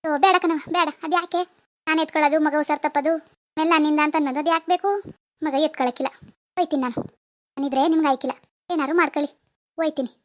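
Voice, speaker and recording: A woman's voice: high voice, steady tone, fast, pauses often, lightly acted. A woman doing a huffy old village granny. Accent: rural Kannada village dialect. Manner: grumbling, sarcastic village speech. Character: scolding, easily offended old grandmother. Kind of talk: cartoon voice acting.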